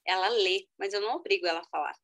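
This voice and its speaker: A woman's voice: fast, poor audio. A middle-aged woman, an educational psychologist, giving an explanatory online talk and addressing her audience directly. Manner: explanatory, addresses the audience as "gente", lively with sudden high exclamations. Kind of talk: online lecture.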